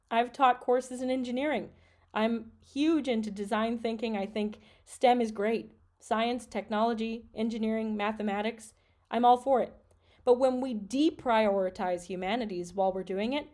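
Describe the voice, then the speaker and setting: In her solo podcast commentary, this Michigan podcast host and French teacher earnestly works through worries about education while reading out statistics. Her voice is a little high with a darkish tone.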